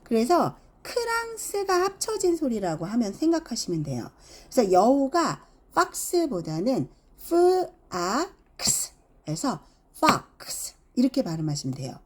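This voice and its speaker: A woman's voice: on the high side, wildly swooping pitch, normal speed, a little mellow. A middle-aged woman teaching English phonics, demonstrating each sound with exaggerated examples. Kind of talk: phonics lesson.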